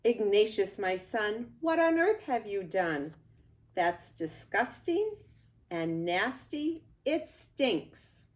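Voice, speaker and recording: Slow, emphatic storybook mother, read by a woman. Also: mid-range voice, sing-song. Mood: disgusted. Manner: emphatic, exclaiming. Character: young boy's mother, gushing then scolding.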